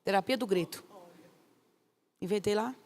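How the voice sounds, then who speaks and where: A woman pastor, teaching a course in an emphatic, lively way with rhetorical questions. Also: medium pitch, moderate pace.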